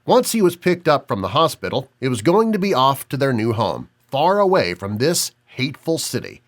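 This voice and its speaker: A man narrating a suspense audiobook in a measured, dramatic way, dropping low on key words. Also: huge pitch swings.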